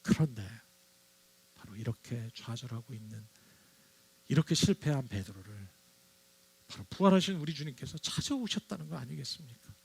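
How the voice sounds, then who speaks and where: A man's voice: mid-range voice, expressive, moderate pace, gravelly, pauses often, breathy edge. A man preaching a Sunday sermon as pastor, earnest and dramatic, acting out the quotes he tells. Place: church sanctuary.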